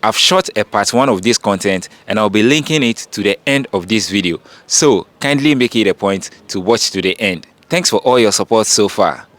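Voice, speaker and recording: Deep-voiced man hosting street interviews. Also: expressive, moderate pace, hardly any pauses, fairly bright tone. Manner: friendly, brief prompting questions. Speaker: street interviewer and channel host. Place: city street outdoors.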